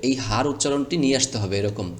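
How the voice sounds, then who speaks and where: A man gives a Quran reading lesson over a screen recording, speaking at a mid pitch. He explains each rule patiently and repeats, then sounds out the letters one by one so learners can follow. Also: quick pace.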